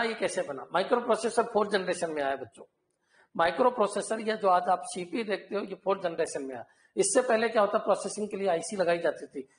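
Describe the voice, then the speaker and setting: Male teacher, lecturing, repeats key points, asks if clear, roomy echo. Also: high-pitched. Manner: repetitive, keeps checking "clear?" with students. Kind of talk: online class lecture.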